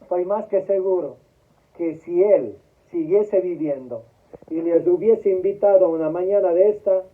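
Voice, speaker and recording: A priest gives a homily at a memorial, asking the congregation questions and waiting to hear their answers. His voice sits high and moves at an ordinary speed, and the recording has a tinny, telephone-like quality.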